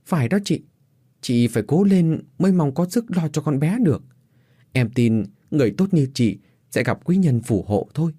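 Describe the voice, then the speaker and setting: A man voicing a frantic, out-of-breath village woman who shouts her news in a high, urgent voice. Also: animated, moderate pace, slightly rough, no echo, clean studio sound. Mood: encouraging.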